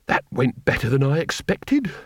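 A man voicing a courteous, tactful male diplomat who speaks in a measured way. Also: medium pitch, very animated, slightly rough, dry recording, clean studio sound.

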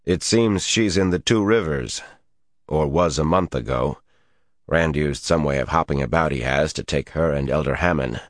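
Man reading a wry loyal young guy, dry delivery, very deep voice. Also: moderate pace, dry recording. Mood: matter-of-fact.

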